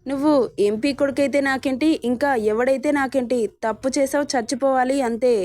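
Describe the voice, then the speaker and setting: A woman's voice: high voice, fairly even intonation, brisk, a little mellow, natural voice. A woman voicing a vengeful young man who taunts and threatens his captive in a read-aloud story. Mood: taunting menace. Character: vengeful young man, hero, cold and menacing.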